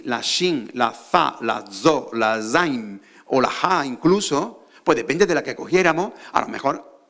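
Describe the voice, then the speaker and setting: A man's voice: fairly high pitch, a bit bright. A man with an Andalusian accent giving a lecture on a theater stage, often posing rhetorical questions to the audience. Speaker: conference speaker.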